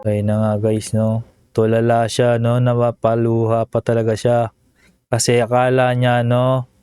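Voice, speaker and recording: A man's voice: mid-range voice, monotone, unhurried, mellow, faint music behind. A man vlogging casual reaction commentary over a video, chatty and emotional, often ending phrases with a questioning tag.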